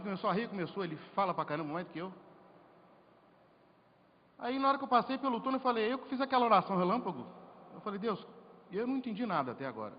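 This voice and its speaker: Man, lively sermon storytelling, slightly high voice, long hall reverb, dull lo-fi sound. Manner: storytelling, animated, jokes and rhetorical questions. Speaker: preacher at a men's congress. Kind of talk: sermon with personal testimony. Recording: lo-fi hall recording with faint noise.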